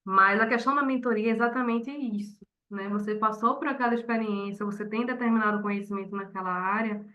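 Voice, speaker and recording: A woman teacher closing an online class, speaking softly and in a friendly way because she has a cold. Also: mid-range voice, fairly even intonation, fast, dull audio.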